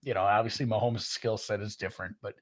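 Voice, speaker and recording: A man with a Minnesota accent, co-hosting a casual sports podcast in a rambling, animated way with lots of fillers. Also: on the low side, quick pace. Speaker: podcast co-host.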